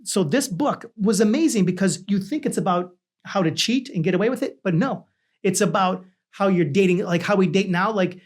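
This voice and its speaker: A man with a distinctly high-pitched voice hosts a relaxed interview chat. He talks in a rambling, conversational way, with a joking streak. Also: normal speed. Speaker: talk show host.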